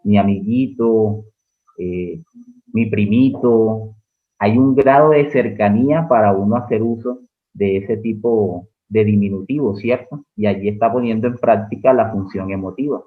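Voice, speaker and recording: A man's voice: on the low side, moderate pace. A male teacher with a Colombian accent giving an exam-prep lecture, explaining step by step and asking the class rhetorical questions. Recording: narrow phone-like audio.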